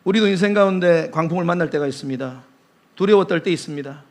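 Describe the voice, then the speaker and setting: A man preaching a Sunday sermon as pastor, acting out quotes with sudden swings between loud cries and hushed words. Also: a little high, fast. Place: church sanctuary.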